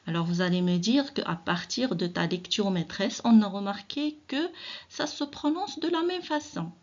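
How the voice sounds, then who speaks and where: A woman teacher giving an early reading lesson, speaking directly to children, encouraging them and sounding out syllables slowly and deliberately. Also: medium pitch, expressive, a little mellow, dull audio. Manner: slow, drawn-out syllable-by-syllable reading. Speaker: primary school teacher.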